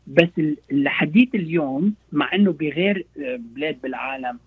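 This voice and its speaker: A man with a Lebanese Arabic accent explaining as a doctor in a radio interview, halting and repeating words, dropping in English terms. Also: a little high, breathy edge, dry recording. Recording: thin phone-like radio line.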